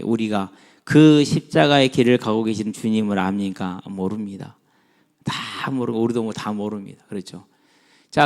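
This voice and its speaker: A man preaching an afternoon church sermon, asking the congregation questions and acting out the voices of people in the story. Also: on the low side. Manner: animated, acts out quoted voices, asks the congregation questions. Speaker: pastor.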